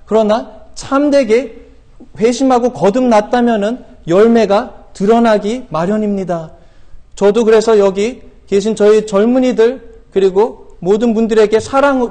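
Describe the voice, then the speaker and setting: A middle-aged male missionary preaching from a church pulpit, his voice pitched notably high for a man. He exhorts his listeners earnestly, throwing in rhetorical questions and many hesitant fillers. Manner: shouts quoted scripture loudly and slowly. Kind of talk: sermon. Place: church sanctuary.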